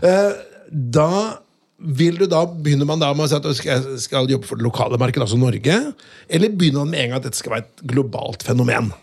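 Husky, gravelly male podcast host. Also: mid-range voice, a little mellow. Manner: hesitant, many restarts and fillers. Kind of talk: casual interview chat. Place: studio in a city.

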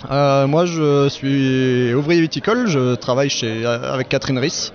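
A young man from Normandy who works as a vineyard hand, chatting in a relaxed, easygoing way in a festival interview. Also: medium pitch. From Normandy, France. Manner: relaxed and chatty, quick to laugh. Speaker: vineyard worker. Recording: muffled lo-fi recording outdoors.

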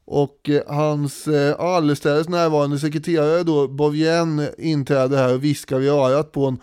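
Male podcast co-host, casual history storyteller, smooth resonant voice, slightly high, dry close sound. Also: no room sound. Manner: animated retelling with frequent fillers.

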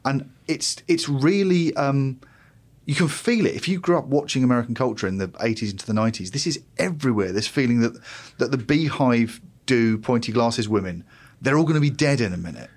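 A man's voice: mid-range voice, animated, a little fast. A man with a British accent, discussing culture discursively and slipping into imagined quotes as he explains. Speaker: panel commentator.

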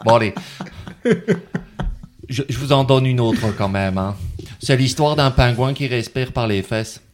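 A man's voice: medium pitch, unhurried, lightly acted. A man faking a Belgian-accented corny comic. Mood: hammy. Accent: put-on Belgian French. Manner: hammy, telling bad jokes. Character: corny male stand-up comic.

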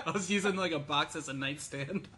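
A man's voice: on the high side, brisk, noisy background. A man from Florida hosting a podcast, chatting casually, giggling and saying "like" constantly. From Florida, USA. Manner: giggly, heavy use of "like". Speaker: podcast host. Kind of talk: casual chat.

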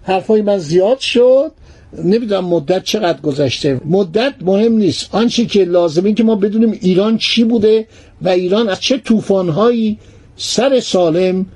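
Lively male history storyteller, fairly high voice. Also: husky. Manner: lively, with chatty asides. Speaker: narrator and host.

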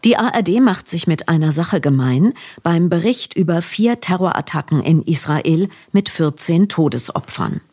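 A woman co-hosting a news podcast, reading a script in a measured, explanatory way. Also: on the low side, lively intonation, darkish tone, slightly rough. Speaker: podcast co-host.

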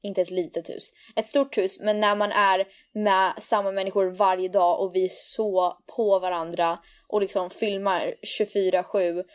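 A young woman chats animatedly on a podcast, mid-pitched and casual. She scatters fillers and English phrases through her talk. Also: little pitch movement, few pauses. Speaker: podcast co-host. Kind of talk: casual chat.

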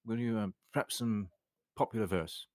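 A man playing a coldly polite, menacing army captain in a modern British RP accent, formal, measured and sardonic, in a period drama read-through. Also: lowish voice, a little mellow, no room sound, clean studio sound, pitched above the performer's own voice, natural voice. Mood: coolly probing.

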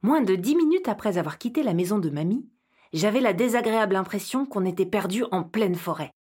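Woman storyteller, first-person children's narration, lively, slightly husky. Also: medium pitch, a little fast.

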